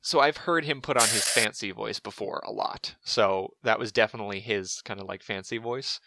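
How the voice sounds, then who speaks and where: A man's voice: lowish voice, normal speed, noisy background. A man co-hosting a casual podcast, rambling with lots of fillers and restarts. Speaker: podcast co-host.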